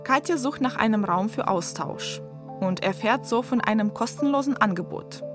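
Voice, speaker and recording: A woman narrating a documentary she wrote, measured and reflective. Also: on the high side, expressive, music in the background.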